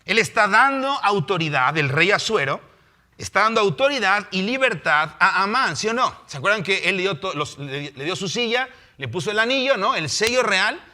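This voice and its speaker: Mexican male preacher, higher voice, lively sermon delivery. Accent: Mexican Spanish. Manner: animated, acts out biblical figures in quick voices. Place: house of prayer.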